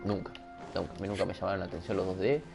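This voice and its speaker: A man's voice: sits low, steady tone, very fast, vocal fry, over music. Rambling young Rioplatense streamer guy. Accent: Rioplatense Spanish. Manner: rambling, joking, laughs at himself. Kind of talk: casual gaming livestream chat. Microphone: headset microphone.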